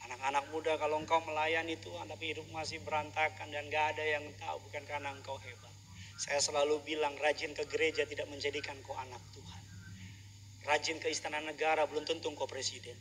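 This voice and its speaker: A male pastor delivering a humorous sermon, telling jokey stories and building up to loud preaching. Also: fairly high pitch, level tone, quick pace, slight background noise.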